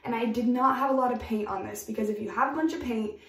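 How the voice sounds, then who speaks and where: A chatty young woman talks through her DIY tips in an upbeat, emphatic way. Her voice sits a little high, and the bathroom adds a roomy echo. She sounds slightly off-mic. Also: fast, far from the mic. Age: young adult. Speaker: DIY vlogger. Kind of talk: casual tips vlog. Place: home bathroom, indoors.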